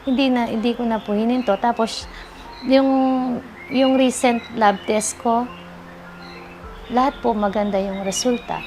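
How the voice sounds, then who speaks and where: A woman giving a soft-spoken, earnest testimonial interview, politely answering an interviewer. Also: on the high side, steady tone, measured pace, pauses often. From Philippines. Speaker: interviewee, cancer survivor. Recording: music bed underneath.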